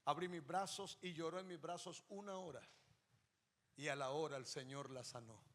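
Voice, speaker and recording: A man preaching a sermon as pastor, impassioned, moving between loud emphasis and hushed storytelling. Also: fairly high pitch, moderate pace. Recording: long reverb of a large hall.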